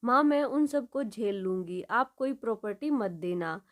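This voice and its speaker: A hurt young wife in a spoken storybook, subdued and pained, holding back her troubles, played by a woman narrator. the voice is a bit high. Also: lively intonation, measured pace. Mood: sad. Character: unhappy young married daughter, hurt and restrained.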